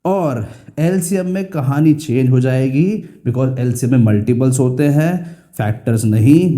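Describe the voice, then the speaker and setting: A man's voice: mid-range voice, dark tone. A young man with an Indian English accent teaching a school math lesson, repeating key phrases and asking and answering his own questions.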